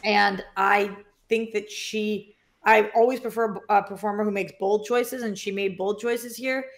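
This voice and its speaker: A woman's voice: mid-range voice, fairly even intonation, measured pace. A woman co-hosting a movie podcast, chatting enthusiastically and rambling through her opinions. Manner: enthusiastic, rambling, trails off mid-thought. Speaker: podcast co-host. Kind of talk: casual movie chat.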